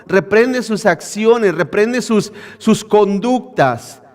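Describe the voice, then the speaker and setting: A man's voice: high voice, expressive, takes it slowly. A man preaching a sermon, quizzing his congregation with rhetorical questions. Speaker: pastor. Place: church hall. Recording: echoey church hall.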